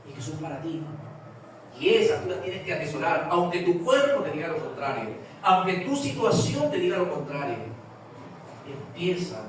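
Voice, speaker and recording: A man preaching a sermon with passion, telling stories and acting out the dialogue, recorded from a distance in a large church hall. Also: a little high. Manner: impassioned, storytelling with quoted dialogue. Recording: echoey distant hall sound with ambient noise.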